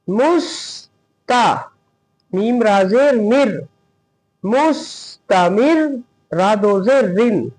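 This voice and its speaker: A man leads a Quran reading lesson at an unhurried pace, sounding out each syllable one by one. His voice sits fairly high for a man, and he keeps checking in with his class through questions. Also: a little mellow, rough recording. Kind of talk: slow spelled-out reading lesson.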